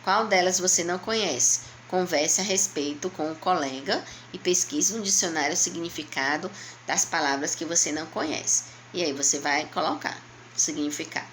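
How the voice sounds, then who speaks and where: A woman with a Brazilian Portuguese accent, a primary school teacher going slowly and patiently through a workbook for young children, asking and answering her own questions. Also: fairly low pitch, fairly bright tone, a little hiss or hum. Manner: patient, slow, explaining step by step to young children. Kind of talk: remote lesson walking through a workbook.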